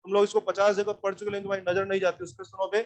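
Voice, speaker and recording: A man with a high-pitched voice lectures an electronics class. He talks bluntly, scolds his students and keeps checking whether they follow. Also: monotone, racing. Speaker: teacher.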